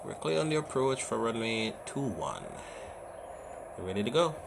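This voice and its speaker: Creaky-voiced man over loud cockpit noise. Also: medium pitch, very animated, moderate pace. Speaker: flight simulator streamer acting as pilot. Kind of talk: cockpit procedure callouts and casual commentary. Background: aircraft cabin and engine noise.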